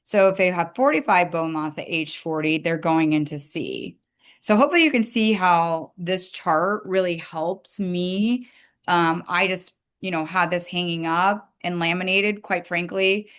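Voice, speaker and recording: A woman's voice: lowish voice, a little slow, a bit bright. Casual woman presenting a dental webinar. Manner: casual, chatty, apologetic asides. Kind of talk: webinar lecture with slides.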